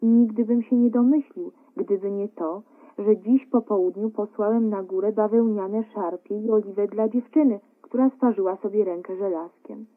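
A woman's voice: mid-range voice, normal speed, lightly acted. A woman voicing a cheerful young male painter, easygoing and a little boastful, on a narrow phone-like radio recording. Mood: confessing.

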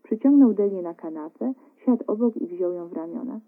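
A woman calmly reading a story aloud as narrator, measured and even, on a narrow phone-like radio recording. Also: lowish voice.

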